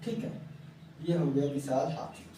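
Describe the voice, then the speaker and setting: A man's voice: a little high, fairly even intonation, warm tone. Male lecturer, dictating pace, key words repeated; roomy echo, faint hiss. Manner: slow, repeats key words for note-taking. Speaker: teacher. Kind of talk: classroom lecture. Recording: echoey room, mic far off.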